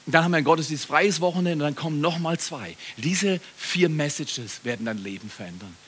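A middle-aged man preaching a sermon to a congregation, animated, swinging between loud appeals and hushed passages, often asking the listeners questions. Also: a little high, a little hiss or hum. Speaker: pastor. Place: church service before a live congregation.

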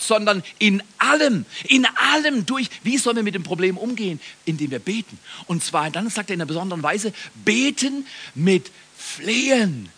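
A middle-aged man preaching a sermon to a congregation, animated, swinging between loud appeals and hushed passages, often asking the listeners questions. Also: high voice. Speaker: pastor. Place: church service before a live congregation.

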